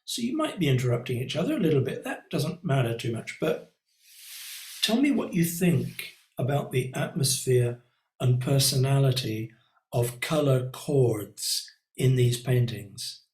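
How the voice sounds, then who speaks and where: A man's voice: medium pitch, sing-song, a little slow, darkish tone, reverberant, rough recording. A male art teacher leading a live online painting class, talking in a reflective, conversational way with many ums and little asides. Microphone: computer mic on a video call.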